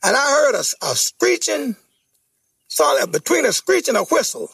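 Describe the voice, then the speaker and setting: Shrill excited eyewitness man, far off. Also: moderate pace, gravelly, slight background noise. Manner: high-pitched, exclaiming, drawn out. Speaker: eyewitness in a news clip.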